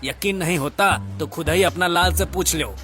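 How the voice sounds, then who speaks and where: A man's voice: a little high, normal speed, sharp tone, soft background music. A man voicing a stern, blunt father in an audio drama. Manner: blunt, stern rustic speech.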